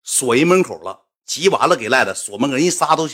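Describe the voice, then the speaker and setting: A man's voice: medium pitch, expressive, fairly quick, a bit bright. A man, telling a casual anecdote to his livestream audience and acting out the people in his story.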